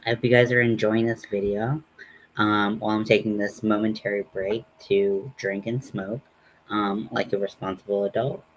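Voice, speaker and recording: A man's voice: fairly low pitch, little pitch movement, moderate pace, rough recording. A man hosting a casual, chatty makeup tutorial in a rambling, self-deprecating way. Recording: noticeable background noise.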